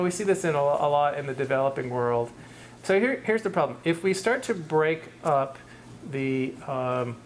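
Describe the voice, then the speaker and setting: A man's voice: mid-range voice, a little hiss or hum. A middle-aged man lecturing in a university classroom, answering audience questions in a thoughtful, hedging way with many restarts.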